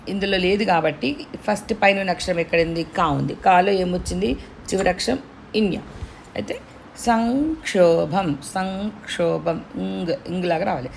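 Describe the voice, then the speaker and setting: A woman teaching pronunciation, drawing out syllables slowly to demonstrate them. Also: medium pitch, creaky, fairly bright tone, a little hiss or hum. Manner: slow demonstrative enunciation of syllables. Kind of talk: pronunciation lesson.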